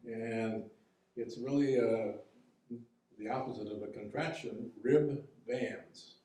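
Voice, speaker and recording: A man presenting a local history talk on boat building, explaining slides in a halting, conversational way with fillers and restarts. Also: medium pitch, mellow, distant mic. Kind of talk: public history lecture with slides. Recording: echoey room, heard from afar.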